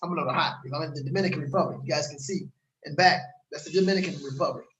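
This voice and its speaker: A man from Los Angeles with a fairly high voice gives a casual, hard-selling vlog pitch. He repeats himself and talks with a lot of animation, and his voice has an echoey ring to it. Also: very fast, a bit bright, muffled recording. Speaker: crypto course promoter. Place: outdoors in a warm place.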